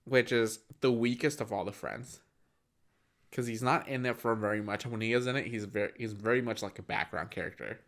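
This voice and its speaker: A man's voice: lowish voice, a little fast, a bit bright. A young man co-hosting a movie podcast, easygoing as he recaps scenes with fillers. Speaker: podcast co-host. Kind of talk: casual movie review chat.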